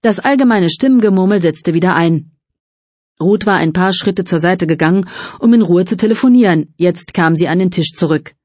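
A woman reading a novel aloud as an audiobook narrator, in calm, even storytelling. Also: lowish voice, normal speed, dry recording. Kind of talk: scripted narration.

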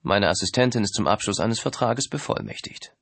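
A man's voice: on the low side, animated, fairly quick, dry recording. A man doing a stiff fake French agent. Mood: stiffly formal. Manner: stiff, over-careful, formal. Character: Mitch posing as a French art agent with a forced accent.

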